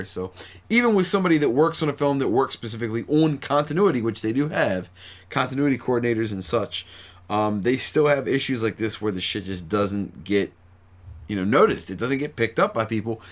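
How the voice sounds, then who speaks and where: A man hosting a horror podcast in casual chat, tired late at night, talking in a loose, rambling, profane way. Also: mid-range voice. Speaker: podcast host.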